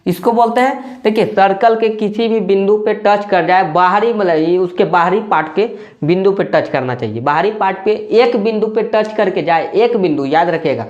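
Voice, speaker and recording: Maths teacher, mid-pitched, repetitive and patient, keeps asking the class questions; slightly muffled lo-fi sound. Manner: repeats key terms and asks rhetorical questions; checks in with tag questions. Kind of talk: classroom-style explanation.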